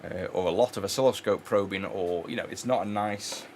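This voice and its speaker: A man with a low-pitched, darkish voice talks briskly and casually while repairing electronics for his channel, rambling with many fillers and restarts. There is a little hiss or hum in the recording.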